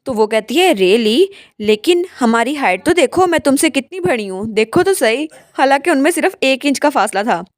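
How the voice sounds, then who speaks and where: A woman's voice: sits high, big pitch swings, normal speed, few pauses, no echo. A woman retelling a comic story as a storyteller in a casual narrating style, briefly raising her voice for the characters.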